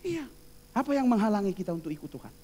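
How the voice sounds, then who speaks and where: A man's voice: high-pitched, very animated, fast, warm tone. A middle-aged man from Indonesia giving a humorous sermon as preacher, acting out quoted voices in his stories and laughing often. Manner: frequent laughter.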